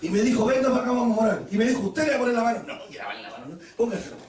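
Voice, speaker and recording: A Chilean man preaching a Pentecostal sermon, telling stories with laughter and sudden shouted praises. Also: very high-pitched, very animated, very fast, recorded from a distance, a crowd in the background. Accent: Chilean Spanish. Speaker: pastor. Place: church hall. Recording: echoey church hall, mic from afar.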